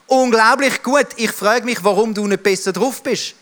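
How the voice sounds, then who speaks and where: A man's voice: high-pitched, normal speed, a bit bright. A man in his thirties with a Swiss German accent, preaching a sermon emphatically and addressing the listener directly.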